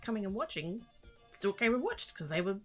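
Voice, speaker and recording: A woman's voice: mid-range voice, very animated, brisk, faint music behind. A woman livestreamer chatting casually and playfully with her viewers, rambling and easily sidetracked. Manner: playful, informal greetings to chat.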